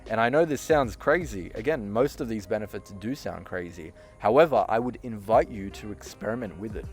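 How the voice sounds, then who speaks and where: A man who works as a communication coach, giving an emphatic motivational monologue to camera, with sentences that end flat and firm, and his loudness swinging between punchy and hushed. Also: fairly low pitch, brisk, faint music behind. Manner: flat, downward-ending sentence endings. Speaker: communication coach and podcast host.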